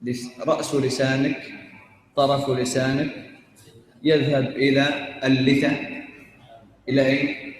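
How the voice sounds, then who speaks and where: A man's voice: medium pitch, level tone, a little slow, long pauses. A man teaching Quran recitation, sounding out letters one by one and quizzing his students as he explains. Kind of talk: tajweed lesson to students. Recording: very echoey hall, faint noise.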